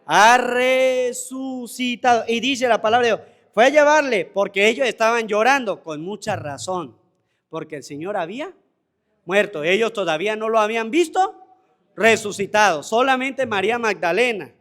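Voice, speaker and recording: Venezuelan priest, high voice, preachy homily, keeps repeating himself for emphasis. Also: male voice, normal speed, fairly bright tone. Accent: Venezuelan Spanish. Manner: rhetorical questions answered himself. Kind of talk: homily at mass.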